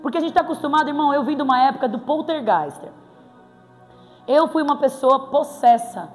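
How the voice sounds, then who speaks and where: Brazilian woman preacher, high voice, lively and joking, church reverb with soft music under. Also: brisk. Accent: Brazilian Portuguese. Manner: playful, animated, bursts into exclamations. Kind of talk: sermon. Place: church hall. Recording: reverberant hall with faint music.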